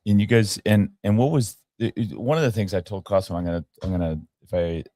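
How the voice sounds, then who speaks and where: A man's voice: fairly low pitch, fairly quick, dark tone, no echo, clean studio sound. A man hosting a casual podcast chat, telling rambling stories with frequent laughs and restarts. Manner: rambling storyteller, laughs often, many restarts. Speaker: podcast host.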